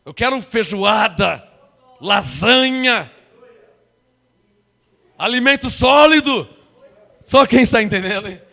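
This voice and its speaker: A man in his fifties preaching a sermon, firing rhetorical questions at the congregation and swinging from loud to hushed. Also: high-pitched, expressive, slow pace, creaky, pauses often. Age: 50s.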